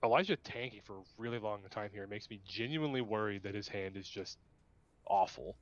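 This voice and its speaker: A young man doing chatty, excitable commentary on a card game match, laughing often. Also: on the low side, brisk, highs cut off.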